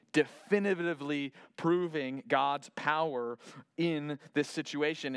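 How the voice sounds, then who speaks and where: A man's voice: medium pitch, smooth, no echo, studio quality. A man casually retelling a Bible story as a lesson. He imagines the scene aloud and often restarts his sentences. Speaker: Bible teacher.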